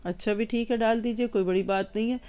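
A woman voicing a calm, wise minister of a king, speaking in a steady, reassuring way. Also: high-pitched, clear, resonant tone, dull audio, close to an everyday voice. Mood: accepting.

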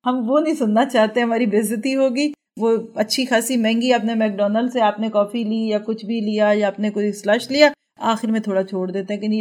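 A woman's voice: a little high, darkish tone. Urdu-speaking woman giving a religious lecture. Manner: earnest, rhetorical questions to the audience. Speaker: religious teacher.

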